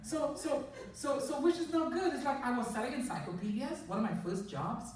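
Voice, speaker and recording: Here a Trinidadian-accented man, a motivational speaker, delivers a humorous address before an audience in a big hall, laughing frequently and posing questions to the crowd. His voice is very high and fairly fast, with lively storytelling. The recording carries some hiss or hum, plus hall echo, and he sounds distant.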